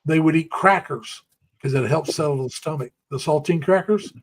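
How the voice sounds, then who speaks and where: Older male co-host, rambling storyteller, slightly high voice. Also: moderate pace, a little hiss or hum, low-quality recording. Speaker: live stream co-host. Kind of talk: casual chat.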